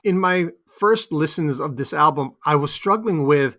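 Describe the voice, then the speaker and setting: Bright-voiced man chatting casually. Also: a little high, normal speed. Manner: relaxed, conversational, many fillers. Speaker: podcast co-host. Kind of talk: casual music chat.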